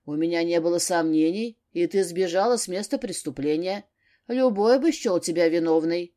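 A woman reading an audiobook, voicing a gruff, commanding older father who barks his words. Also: fairly low pitch, normal speed, mellow, natural voice. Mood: stern. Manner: barking, stern.

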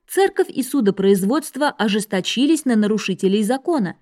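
A woman narrating a scripted history text in an even, measured reading voice. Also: fairly high pitch.

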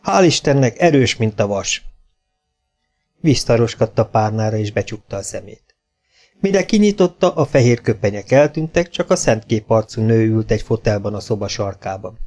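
A man narrating a novel as an audiobook reader, in measured storytelling. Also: on the low side, animated, warm tone, faint music behind. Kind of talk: scripted narration.

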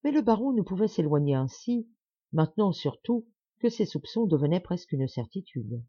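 A woman reading a novel aloud in an expressive, dramatic narration. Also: lowish voice, normal speed, breathy edge, no room sound, dull audio. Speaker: audiobook reader. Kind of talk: scripted narration.

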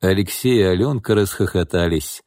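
A man narrating an audiobook in an expressive storytelling manner. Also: deep voice, moderate pace, no room sound, studio quality. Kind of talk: scripted narration.

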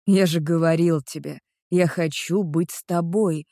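A reader voicing an earnest young man in love in an audiobook, speaking slowly and sincerely. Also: medium pitch, steady tone, dark tone, no room sound, clean studio sound, natural voice. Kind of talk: audiobook character reading.

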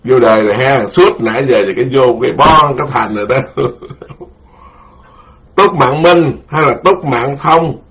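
Monk, slow and deliberate. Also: male voice, mid-range voice, a bit bright. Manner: slow, deliberate, repeats key terms for listeners. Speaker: Buddhist monk teacher. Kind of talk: Buddhist dharma lecture. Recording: dull lo-fi recording.

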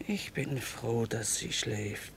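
A woman's voice: rumbling low, slow, gravelly, breathy edge, full character voice. An actress playing a weary, grieving mother in a radio drama. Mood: numb resignation. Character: weary, grieving mother, hardened war-time trader. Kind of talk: radio drama acting with crooned lullaby.

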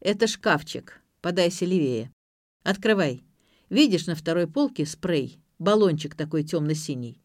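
A sinister man speaks gently but gives orders and never raises his voice, as a woman reader puts him on. His level tone carries quiet control, and the recording is dry and close. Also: on the low side, expressive, unhurried, dry recording. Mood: coolly commanding. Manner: soft, controlling commands. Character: calm, menacing man on the phone.

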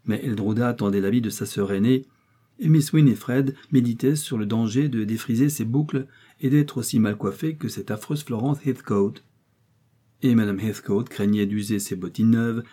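A man reading a classic novel aloud in an even, measured narration. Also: fairly low pitch, slightly rough. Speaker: audiobook reader. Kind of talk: scripted storybook narration.

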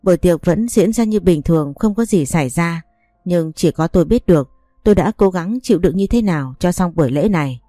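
A woman reading a dramatic story in steady narration. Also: fairly low pitch, brisk, no room sound, studio quality, faint music behind. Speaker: audiobook reader.

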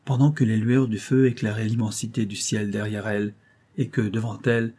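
Male audiobook narrator, mellow and husky, steady measured reading. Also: fairly low pitch. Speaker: audiobook reader. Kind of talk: scripted narration of a classic novel.

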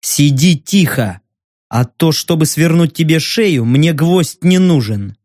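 A man voicing a smug, menacing former dockworker in an audiobook, taunting slowly and slyly. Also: a little high, animated, a little mellow, no echo, studio quality. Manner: slow, taunting and sly. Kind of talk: audiobook narration.

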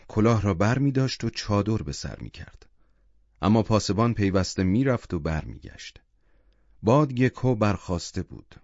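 A male audiobook narrator with a somewhat low voice, reading calmly and at a measured pace. The recording is dull and lo-fi. It is completely dry, with no room sound. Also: no echo.

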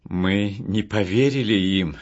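A man's voice: fairly low pitch, takes it slowly, highs cut off, voice pushed down. A man voicing the disciple Peter in a storybook, telling what he saw with eager earnestness. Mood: earnest.

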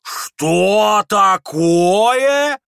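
A man's voice: sits high, animated, very slow, creaky, fairly bright tone, smooth, no room sound, clean studio sound, pitched above the performer's own voice, heavily acted. A man reading aloud and voicing a middle-aged noblewoman, a flustered, indignant mother who keeps exclaiming in shock. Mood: aghast. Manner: exclaiming, aghast.

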